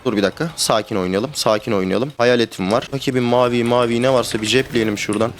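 A young man streaming a video game, talking to his teammates in casual live commentary that swings between calm planning and excited shouting and swearing. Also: medium pitch, fast, soft background music. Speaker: gamer streamer.

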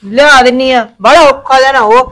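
A woman's voice: high-pitched, sing-song, normal speed, gravelly, a bit bright, exaggerated voice. A woman acting a middle-aged village mother in a family drama, with a Punjabi accent and a nagging, anxious aunty manner. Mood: grumbling. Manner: Punjabi aunty way of talking, grumbling and fretting.

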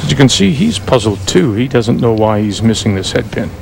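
A man's medium-pitched, creaky voice moves a little fast with lively intonation as he calls a bowling match on TV. His commentary is conversational and sprinkled with asides, heard over the broadcast's crowd and noise.

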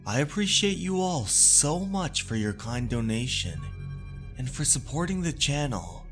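A man's voice: fairly high pitch, big pitch swings, unhurried, a bit bright, faint music behind. A man working as a storyteller and channel host, narrating and addressing his listeners. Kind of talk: dramatic narration and viewer thanks.

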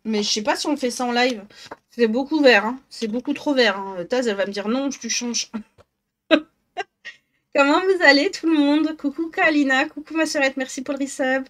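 Woman streamer chatting live with her chat from her home office, kinda high voice, jokey. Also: moderate pace, fairly bright tone. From northern France. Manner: chatty, greets viewers by name, self-mocking. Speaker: Twitch streamer.

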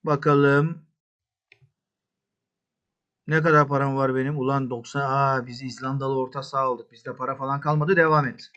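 A man hosting a football management game, muttering to himself and then shouting cheers at his players, some in English. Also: medium pitch, little pitch movement, normal speed, long pauses, muffled recording. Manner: talks to himself, swinging from mutters to yells. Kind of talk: excitable gameplay commentary.

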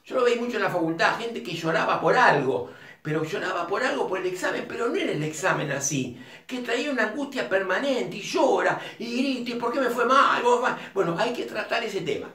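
Speaking Rioplatense Spanish with an Argentine accent, a man teaches informally at a whiteboard, wandering off on tangents and addressing the viewer casually. His voice sits high and is animated, brisk, and fairly bright. The recording is echoey, with the microphone placed far off.

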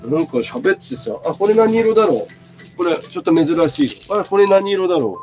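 A man in his fifties talks casually through a live sales stream, showing goods and answering viewer comments. His voice sits a little high and swings widely in pitch. Faint music plays behind him. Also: very animated, brisk, darkish tone. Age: 50s.

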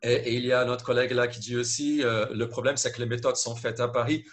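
A man's voice: mid-range voice, level tone, fast. A man from Brazil speaking French with a Brazilian Portuguese accent, talking hesitantly on a video call at a panel, often checking in with "d'accord?". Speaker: panelist teacher. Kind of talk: video call round-table talk.

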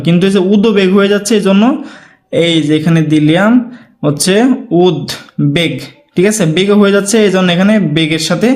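Guy with a high voice teaching a class, spells words out bit by bit, keeps asking if everyone's got it. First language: Bengali. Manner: keeps checking in with students, repeating words syllable by syllable. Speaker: Bangla teacher. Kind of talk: spelling and pronunciation lesson.

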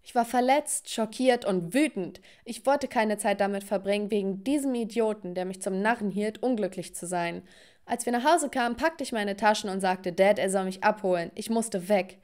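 A young woman narrating a dramatic first-person story for an animated video. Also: medium pitch, normal speed.

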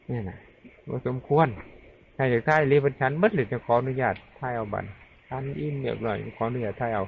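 A man's voice: mid-range voice, gravelly. A man with an Isan Thai accent, a Buddhist monk giving an informal Dhamma talk in a folksy, chatty storytelling manner. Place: rural monastery. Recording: tinny lo-fi recording with faint hiss.

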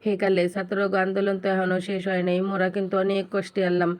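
Fast-talking woman with a Barishal accent. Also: mid-range voice, completely flat delivery, a little mellow, clear, resonant tone. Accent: Barishal dialect of Bengali. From Barishal, Bangladesh. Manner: chatty, talks straight to her viewers, many fillers. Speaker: cooking vlogger. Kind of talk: casual cooking vlog chat.

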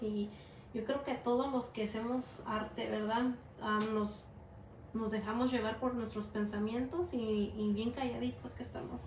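A woman's voice: on the high side, a little hiss or hum. A woman, teaching a live gelatin art class, chatting self-consciously and rambling with restarts. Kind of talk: live online class chat. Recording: roomy, off-mic with faint ambience.

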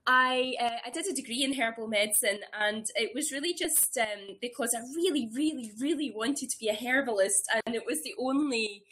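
A woman in her thirties who grew up in Scotland, hosting a webinar as a herbalist from a small room at home, talking warmly and eagerly with many ums and restarts. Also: on the high side, brisk, hardly any pauses. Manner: warm and enthusiastic, with frequent ums and restarts. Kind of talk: casual webinar talk. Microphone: webcam or laptop mic on a video call.

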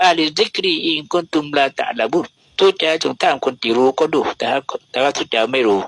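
A man's voice: a little high, fairly bright tone, no echo, low-quality recording. A man with a Southern Thai accent teaching an Islamic grammar lesson, patiently explaining it word by word. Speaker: religious teacher.

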